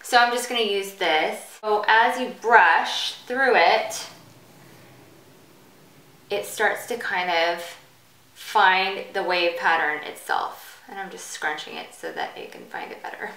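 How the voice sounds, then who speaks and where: A woman with a bright, mid-range voice hosts a hairstyling tutorial, speaking slowly and casually as she demonstrates and explains each step in an informal, chatty way. She sits a little off a distant mic, and the room gives a noticeable, bright echo.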